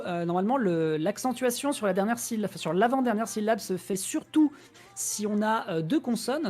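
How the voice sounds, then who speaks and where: Caster rattling off fast analysis, quick corrections, faint game music under it. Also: mid-range voice, darkish tone. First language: Italian. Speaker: co-commentator. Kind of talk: esports play-by-play commentary.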